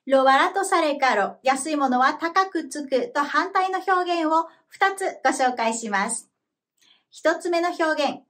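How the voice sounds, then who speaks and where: A woman presenting a scripted language lesson, speaking clearly and carefully and slowing down to model pronunciation. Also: sits high, fairly bright tone. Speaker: language teacher.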